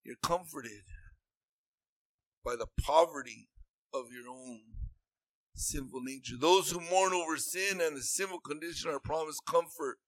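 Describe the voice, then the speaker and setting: A man's voice: a little high, a little slow, long pauses, fairly bright tone, no echo. A man preaching a sermon in an earnest, repetitive way that rises into emphatic bursts.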